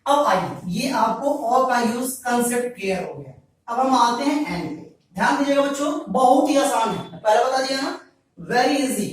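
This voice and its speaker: A man's voice: very high voice, animated, normal speed. A male teacher giving a grammar lesson to students, repeating each point and answering his own questions. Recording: very echoey room, voice far from mic.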